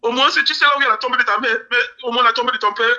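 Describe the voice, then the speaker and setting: Grieving man from Cameroon, pleading, fast and bright interview voice. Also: very high-pitched, fairly even intonation, dull audio. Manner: pleading, repeats phrases. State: grieving, near tears. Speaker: interview guest. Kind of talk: emotional interview testimony.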